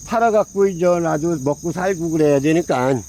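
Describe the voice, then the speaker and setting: A man's voice: fairly high pitch, moderate pace, mellow, a little hiss or hum, rough recording. A man who grows pine trees, speaking, casually demonstrating pruning outdoors and repeating his phrases as he points at branches. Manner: repetitive, folksy explaining while pointing at branches. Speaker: pine tree grower.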